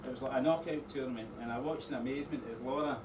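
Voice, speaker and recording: A middle-aged man giving an informal wedding speech as father of the bride, rambling a little with pauses and dry teasing asides. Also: mid-range voice, fairly even intonation. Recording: echoey room, distant mic, noisy background.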